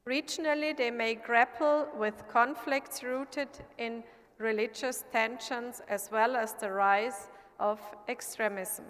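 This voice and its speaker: A woman from Austria who sits in parliament, giving an earnest, measured prepared speech at an assembly. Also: a little high, steady tone, fairly bright tone. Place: large assembly hall. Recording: long hall reverb.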